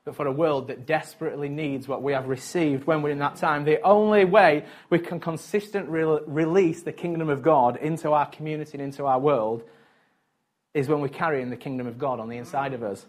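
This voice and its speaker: A man preaching a sermon to his congregation, talking in a relaxed, conversational way. His voice sits a little higher than most men's, and he chuckles easily between his points. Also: a little fast. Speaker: pastor.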